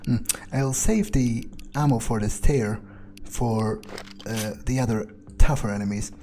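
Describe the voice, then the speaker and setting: Heavy background noise surrounds a man doing in-character roleplay commentary over a video game. He speaks a little slowly at a medium pitch, thinking aloud and slipping in dry, mumbled asides.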